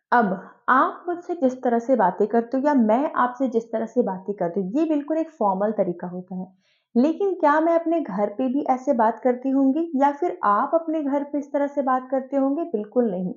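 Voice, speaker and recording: A woman's voice: a little high, a little mellow, muffled recording. A woman teacher giving an online exam-prep lecture, explaining step by step and asking herself rhetorical questions.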